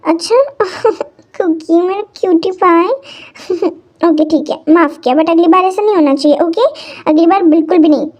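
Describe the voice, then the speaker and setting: A woman's voice: very high-pitched, darkish tone. A woman voicing a doting, fretful female caretaker who coaxes and fusses, often stammering, in a hobby audio story. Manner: coaxing, fussing, stammering.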